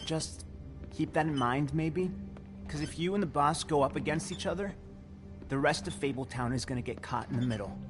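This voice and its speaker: A man's voice: on the high side, normal speed, over music, lightly acted. An actor playing a humble, anxious young doorman in a video game, polite and pleading in manner. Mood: earnest, defensive.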